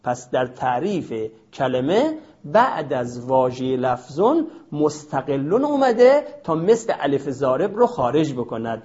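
A man teaching Arabic grammar in a classroom lecture, stressing key terms by repeating them slowly. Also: on the high side, darkish tone, dull audio.

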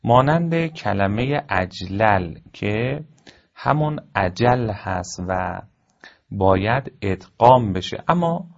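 A man teaching a formal lecture, explaining point by point in a measured way with frequent pauses. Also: on the low side, expressive, vocal fry. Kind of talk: recorded classroom lecture. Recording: dull lo-fi recording.

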